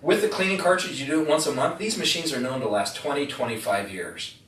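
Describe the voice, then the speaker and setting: A man's voice: mid-range voice, animated, fairly quick, a bit bright. A middle-aged man giving a live product demonstration, joking and asking the audience questions as he tells a story. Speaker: product presenter. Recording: echoey room, distant mic, faint noise.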